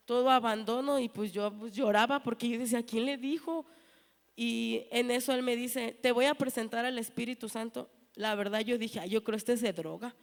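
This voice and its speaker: A woman, giving an earnest personal testimony in church and acting out the dialogue she retells. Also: on the high side. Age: 30s. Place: church hall. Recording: long hall reverb.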